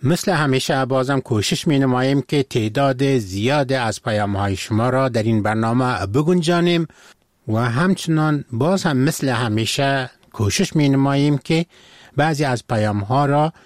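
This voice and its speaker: A man's voice: medium pitch, dry recording, studio quality. A man with an Afghan accent hosting a radio show in a formal, scripted presenting style.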